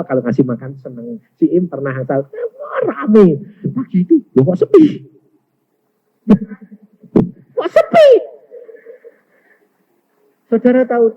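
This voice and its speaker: Male evangelist, animated storytelling sermon, husky tone, dull lo-fi recording. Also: a little high. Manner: animated, acts out quoted voices, mixes in Javanese words. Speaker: evangelist preacher.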